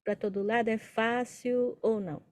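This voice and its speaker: A woman's voice: on the high side, steady tone, normal speed, dry recording, clean studio sound. A Brazilian woman with a Brazilian Portuguese accent, hosting a casual interview podcast and asking questions with short backchannels. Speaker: podcast host.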